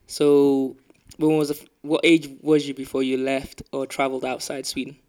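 A man's voice: medium pitch, level tone, normal speed, darkish tone. A man interviewing a guest in a casual conversation, often stammering and repeating words as he starts his questions.

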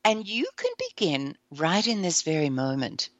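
A woman hosting an upbeat self-help show, enthusiastic and a little croaky today, often whooping and laughing. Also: low voice, lively intonation, normal speed, no echo, muffled recording. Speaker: host.

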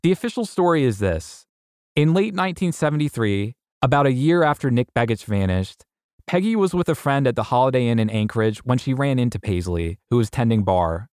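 A man narrating an investigative story in a measured, scripted way, posing rhetorical questions. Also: medium pitch, animated, a little mellow, clear, resonant tone, no room sound, studio quality. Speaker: podcast host and narrator.

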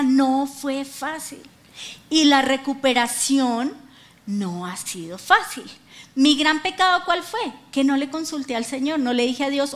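A middle-aged woman delivers a lively sermon in a voice that sits high. She acts out the voices of the people she quotes and prompts the audience to repeat after her.

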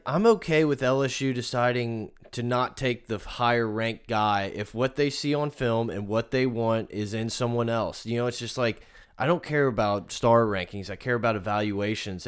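A man's voice: mid-range voice, smooth. A man on a sports podcast stating strong, emphatic opinions about team building. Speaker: college football podcast co-host. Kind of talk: casual sports talk.

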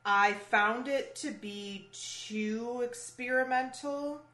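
A woman's voice: on the high side, takes it slowly, bright, forceful tone. A young woman co-hosting a casual music podcast, blunt and opinionated, swearing casually. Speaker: podcast co-host. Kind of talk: casual chat about music. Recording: echoey room.

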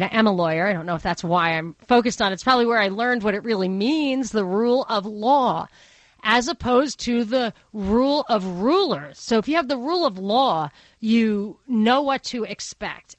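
A woman's voice: medium pitch, fairly bright tone, dry recording. A woman with a Brooklyn accent hosting a radio talk show, speaking conversationally and thinking aloud in opinionated digressions. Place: radio studio. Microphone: close studio microphone.

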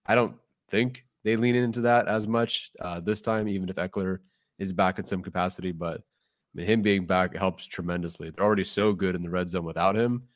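A man's voice: low voice, steady tone, a little fast, no room sound, clean studio sound. A young man co-hosting a casual sports podcast, talking through his analysis in a direct, upbeat way. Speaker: podcast co-host.

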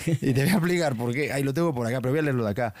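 Playful Spanish host with a dry close mic. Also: male voice, mid-range voice, racing, darkish tone, no room sound. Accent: Spanish from Spain. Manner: playful, laughs often, reads notes aloud. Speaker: podcast host. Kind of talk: casual interview chat.

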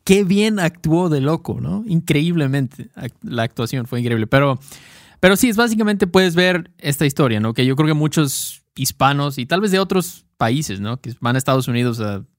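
A man's voice: on the high side, lively intonation, moderate pace, dry recording, clean studio sound. A man with a Mexican accent co-hosting a podcast, chatting loosely with lots of fillers and tag questions. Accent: Mexican Spanish. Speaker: podcast co-host. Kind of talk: casual chat.

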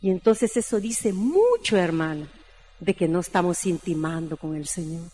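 A woman's voice: lowish voice, expressive, normal speed, warm tone, breathy edge, faint music behind. A woman preaching a sermon in a church, emphatic and repeatedly calling her listeners sisters. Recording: long reverb in a church hall.

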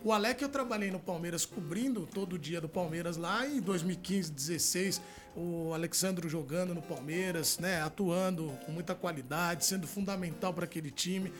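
A Brazilian man in his forties hosting a talk show with loud, showy announcing and effusive, exclamatory chat. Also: sits high, moderate pace, soft background music. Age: 40s.

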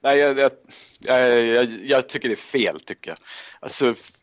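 A man on a podcast panel, talking halting with many fillers. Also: medium pitch, smooth, no echo. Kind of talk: casual podcast discussion. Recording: dry, dull lo-fi sound.

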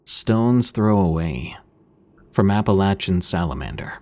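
A man narrating scripted horror stories as a podcast host, in a measured, ominous late-night radio manner. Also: low-pitched, expressive, a little mellow. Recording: music under the voice. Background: background music.

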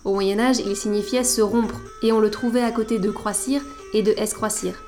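A woman's voice: medium pitch, fairly even intonation, normal speed, darkish tone, faint music behind. A woman hosting a scripted educational podcast, didactic and playful with teasing asides. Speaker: podcast host.

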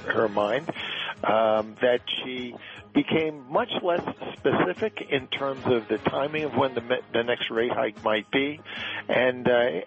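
A male economist gives interview commentary, hesitating and rephrasing. His medium-pitched voice comes through slightly dull, band-limited audio. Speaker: economist guest.

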